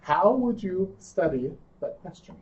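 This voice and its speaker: A man's voice: high-pitched, lively intonation, measured pace, a little mellow. A man presenting in a seminar, playfully quizzing his audience during an interactive lecture. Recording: distant muffled room recording.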